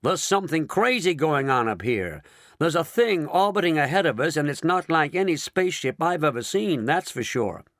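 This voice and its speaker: A man's voice: a little high, sing-song, normal speed, fairly bright tone, no echo, studio quality, pitched above the performer's own voice. A man voicing an alarmed, insistent male astronaut in a storybook reading. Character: panicky, excitable male astronaut.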